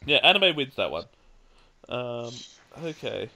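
A man's voice: medium pitch, big pitch swings, a little slow, gravelly, pushed and bright. A man hosting a casual podcast panel, steering the votes and laughing often. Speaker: podcast host.

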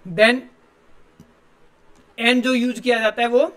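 A man's voice: very high voice, level tone, takes it slowly, a bit bright. A male teacher, giving a classroom grammar lesson and explaining step by step while asking his students questions.

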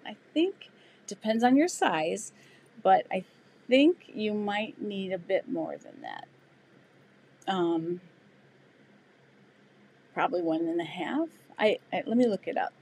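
A woman's voice: mid-range voice, darkish tone, a little hiss or hum. Chatty woman hosting a sewing live stream. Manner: chatty, loose, many fillers and restarts. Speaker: sewing channel host. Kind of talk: live stream chat answering viewer comments.

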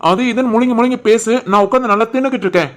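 Casting: woman playing a hot-tempered young husband in a cartoon, Tirunelveli Tamil accent, fairly high voice, scolding. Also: rapid-fire, natural voice. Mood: angry. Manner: scolding, stern. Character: young husband and son, short-tempered man. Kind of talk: animated family drama voicing.

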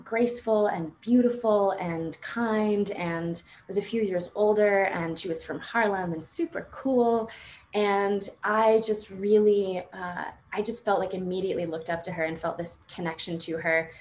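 Speaking from home on a panel video call, a woman in her thirties with a mid-range voice gives informal personal testimony, halting and thoughtful, full of filler phrases. Born and raised in Morocco until seven, she then lived in the United States. Room ambience and noise run through the video-call audio.

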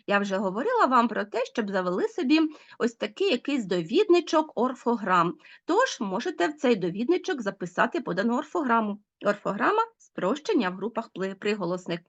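A woman's voice: a little high, big pitch swings, a little fast, dull audio. A woman teacher giving a recorded language lesson to schoolchildren, patiently explaining and asking them questions. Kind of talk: online language lesson for children.

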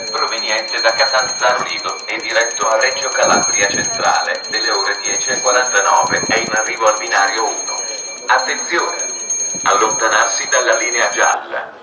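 A man giving a flat, formal railway station announcement in a measured, impersonal way over a platform loudspeaker. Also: fairly low pitch, heavy background noise. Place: outdoor railway platform public-address system. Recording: echoey, distant station loudspeaker with alarm chime.

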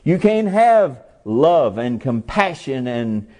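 A middle-aged man preaching a folksy sermon in plain-spoken rural phrasing, now and then rising to loud cries on key words. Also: mid-range voice, big pitch swings, takes it slowly.

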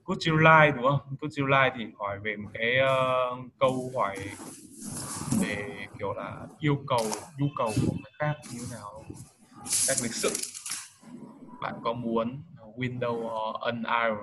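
A man's voice: mid-range voice, steady tone, moderate pace. Male group leader walking through vocabulary, lots of fillers, noisy background. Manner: explanatory, frequent filler hesitations. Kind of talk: explaining English vocabulary. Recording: noisy home recording.

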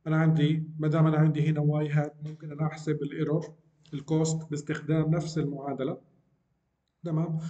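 A middle-aged man lectures at a quick clip. His voice sits a little high but has a mellow, dark color, and it rings with the echo of a roomy space. He explains patiently and keeps checking that his listeners follow. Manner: explanatory, frequent check-ins asking "okay?", mixes English technical terms. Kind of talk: university lecture on deep learning.

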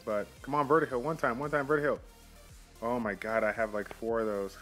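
A young man hosting a mobile game channel, casually commenting on his summons with quick excited outbursts, recorded on a phone mic. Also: medium pitch, soft background music.

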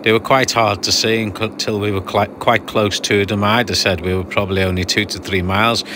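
A man's voice: lowish voice, flat delivery, a little fast, noisy background. A man narrating his sailing trip in a chatty, explanatory voice-over with dry humour. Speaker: sailing vlogger narrating a passage.

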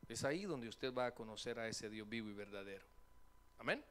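A man's voice: medium pitch, a little fast, slight background noise. A man, preaching a sermon as pastor in a church, acting out voices and joking with the congregation. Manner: animated, acts out quoted voices, jokes with congregation. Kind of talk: lively sermon. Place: church sanctuary.

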